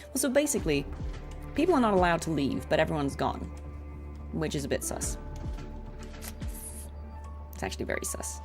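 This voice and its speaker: A streamer and voice actress with a deep voice, big pitch swings and a moderate pace live-streams a video game, pausing often as she chats casually and thinks aloud while playing. Video game music runs behind her voice.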